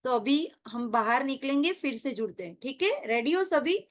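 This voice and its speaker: A woman's voice: high-pitched, lively intonation, normal speed. A woman teaching a children's class online, telling a story and often asking the children questions. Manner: asks children questions often, acts out characters' lines. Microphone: online meeting call.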